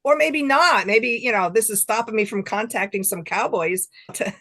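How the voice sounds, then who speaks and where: There's no room sound as a middle-aged guest author talks casually in an interview, her voice slightly high and sharp in tone at a moderate pace. She's self-deprecating and laughs softly between remarks.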